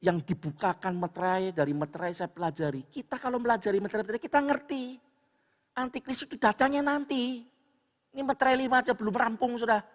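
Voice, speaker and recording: A man's voice: extremely high pitch, fairly even intonation, fast talker. Male pastor, Tegal Javanese accent, casual folksy sermon, long hall reverb. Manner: folksy preaching, mixes Javanese, swings loud to soft. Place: church hall.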